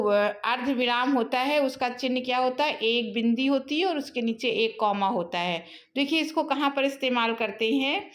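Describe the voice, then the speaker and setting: A woman teaching a Hindi grammar lesson for exam students, explaining slowly and addressing her students directly. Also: a little high, a bit bright.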